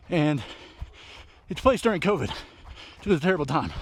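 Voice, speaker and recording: A man's voice: a little high, sing-song, a little slow. Out-of-breath man vlogging while running. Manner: talking while running and walking, breathy short phrases. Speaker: book reviewer vlogger. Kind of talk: casual book recap vlog recorded on a run. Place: outdoors at night.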